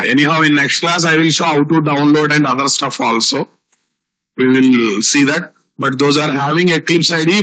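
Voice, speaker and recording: Over poor audio, a man's slightly high, sharp voice comes through as he teaches programming live online. He's a software instructor with a South Indian Telugu accent whose style leans on repetition of key phrases, tag words, and rhetorical questions.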